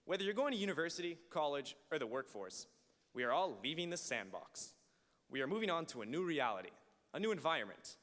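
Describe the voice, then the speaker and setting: A man in his late teens giving an emphatic, deliberate graduation speech as valedictorian at a podium microphone in a large auditorium. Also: on the high side, sing-song, fairly bright tone. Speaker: high school valedictorian. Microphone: podium microphone on a stand. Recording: reverberant hall through PA microphone.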